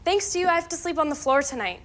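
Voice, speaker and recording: A fastidious, easily disgusted young woman in a television drama. Her voice is high, with an indignant, clipped delivery. Clear noise sits behind her. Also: lively intonation, a bit bright. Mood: irritated, accusing.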